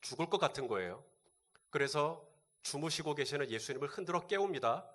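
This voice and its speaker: Korean pastor preaching, raised voice. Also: male voice, on the high side, expressive, fairly quick, fairly bright tone. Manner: preaching with rhetorical questions to the congregation. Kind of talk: sermon.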